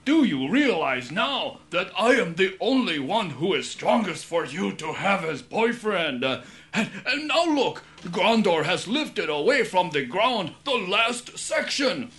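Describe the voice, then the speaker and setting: A man's voice: sits high, sing-song, unhurried, fairly bright tone, exaggerated voice. A man playing a boastful, childlike, lovestruck strongman superhero in a cartoon, exclaiming in broken, foreign-sounding English. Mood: boastful, excited. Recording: music behind the voice.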